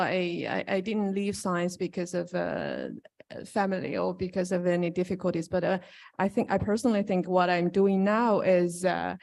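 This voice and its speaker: A woman's voice: mid-range voice, gravelly, darkish tone. A woman who organizes a university program, answering on a panel in a hesitant, earnest way with many fillers.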